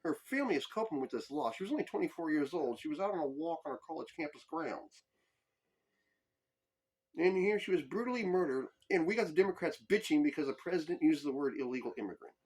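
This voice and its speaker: A man's voice: on the high side, expressive, fast, darkish tone, husky. A man hosting a podcast, delivering a heated, profane political commentary monologue. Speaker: podcast host.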